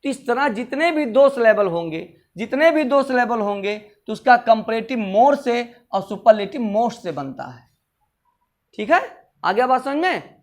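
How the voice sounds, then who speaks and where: A man's voice: extremely high pitch, lively intonation. Man drilling grammar forms, repetitive. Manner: repetitive drilling, chants word forms slowly. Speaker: English grammar teacher. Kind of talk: classroom grammar lesson.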